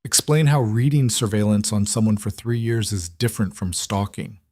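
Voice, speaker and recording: A man's voice: fairly low pitch, moderate pace, darkish tone, no room sound, clean studio sound, lightly acted. A man voicing an angry young bride. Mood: accusing. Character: young woman, wary bride, hurt and angry.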